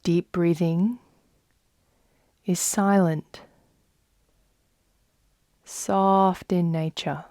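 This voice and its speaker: A yoga nidra guide, a woman, leads a meditation very slowly, with long pauses between phrases. Her voice is soft, mellow and fairly low, and her intonation stays fairly even and soothing throughout. The recording is close and dry, with no room sound.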